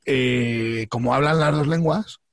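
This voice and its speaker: A man from Spain with a Spanish accent, chatting casually as a podcast co-host, opinionated and animated, often adding "¿sabes?". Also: medium pitch, slow pace, no room sound, clean studio sound. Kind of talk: casual chat.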